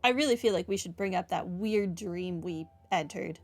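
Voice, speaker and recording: With game music playing behind her, a woman gaming host comments on a playthrough in a musing, conversational, opinionated style. Her voice is lowish and her pace moderate.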